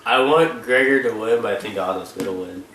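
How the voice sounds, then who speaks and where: A man's voice: fairly low pitch, fairly quick, a bit bright. A man co-hosting a podcast, steering the chat with prodding questions and profane banter. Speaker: podcast co-host. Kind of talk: casual chat. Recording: echoey room, distant mic, faint noise.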